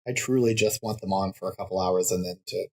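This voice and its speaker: A man with a low, husky voice chats casually as a podcast guest, halting and restarting as he goes and laughing through his points.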